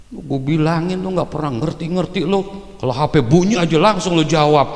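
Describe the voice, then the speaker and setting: A man's voice: fairly high pitch, a little fast, a little mellow, pitched above the performer's own voice, lightly acted. A man voicing an angry mother who scolds and curses her son in harsh slang. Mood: scolding. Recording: echoey hall reverb.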